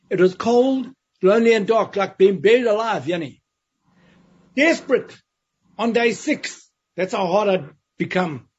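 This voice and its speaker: A man's voice: sits high, slightly rough. A man recounting his time in prison as an interview guest, telling it vividly and acting out the voices of others. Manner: vivid storytelling, acts out quoted voices. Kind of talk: storytelling in an interview. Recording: dull lo-fi sound.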